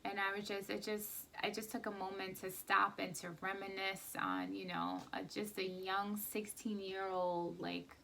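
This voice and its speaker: A woman in her thirties co-hosting a casual podcast with her husband, soft-spoken and chatty, with lots of fillers. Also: mid-range voice, lively intonation, moderate pace, vocal fry, few pauses, a little hiss or hum. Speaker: podcast co-host. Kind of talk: casual chat.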